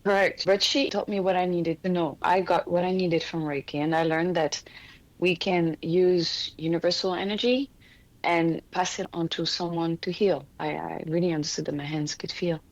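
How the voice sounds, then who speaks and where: Low-voiced woman telling her healing path. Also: steady tone, normal speed, highs cut off. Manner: earnest, explains with frequent restarts and small laughs. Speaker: energy healer guest. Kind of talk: casual interview conversation.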